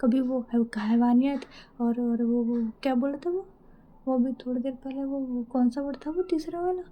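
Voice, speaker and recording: A woman's voice: high-pitched, steady tone, normal speed, dull audio. A woman voicing a playful, teasing young policewoman who banters with her partner in a spoken story.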